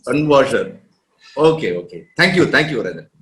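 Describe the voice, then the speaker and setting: A man's voice: high-pitched, expressive, normal speed, fairly bright tone. An older man with an Indian English accent speaking in a musing way with chuckling asides on a video call. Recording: roomy video call audio.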